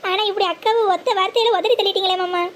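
A woman performing a rural family drama, switching rapidly between several characters with emotional dialogue. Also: very high voice, fairly even intonation, a bit bright. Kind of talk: village family drama, voicing many roles. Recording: faint background noise.

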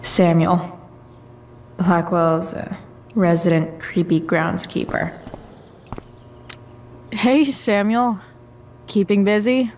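A woman's voice: on the low side, steady tone, takes it slowly, pauses often, a little mellow, a little hiss or hum. A woman playing a sardonic, rebellious teenage girl in a video game, talking in a dry, slangy, hesitant way. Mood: wry, then wary, wry. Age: young adult. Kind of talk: video game dramatic acting.

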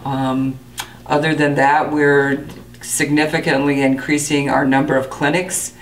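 Woman, 60s, clinic director, interview, monotone delivery, slightly distant mic, indoor room. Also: low voice, a little slow, a little hiss or hum. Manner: steady, matter-of-fact, with frequent fillers. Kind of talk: interview to camera.

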